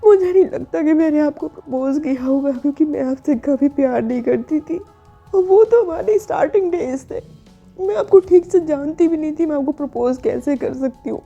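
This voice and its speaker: Woman doing young employee pleading with boss, insistent, higher voice, dark tone, lo-fi with soft music. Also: expressive, moderate pace. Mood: firm, apologetic.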